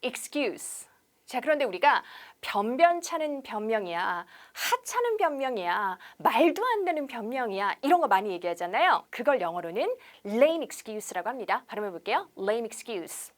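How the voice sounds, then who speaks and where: A woman teaching English on television. She explains in Korean, asks rhetorical questions and drills example sentences slowly. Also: on the high side. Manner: lively instructor patter with rhetorical questions.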